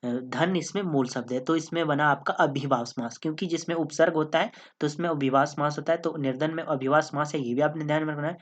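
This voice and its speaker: A woman's voice: low-pitched, fast, hardly any pauses. A woman teaching an exam-prep grammar lesson, explaining step by step and often checking in with her listeners. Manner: explanatory, repeats "ठीक है" and "दोस्तों".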